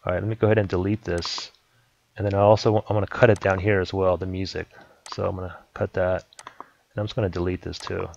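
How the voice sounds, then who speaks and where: A man casually explaining a video editing program step by step, in a relaxed way. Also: deep voice, fast talker, vocal fry, lo-fi sound, slight background noise. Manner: relaxed step-by-step explaining, repeats "let me go ahead". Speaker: software tutorial host. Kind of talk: casual screen-recording tutorial.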